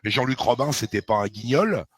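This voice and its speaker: A middle-aged Frenchman talks in a casual, emphatic way, packing his speech with fillers and asides. His voice is husky and a little breathy. He is recorded close and dry, with no room echo. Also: mid-range voice, expressive, a little fast. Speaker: researcher of a historical mystery. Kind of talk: casual conversation.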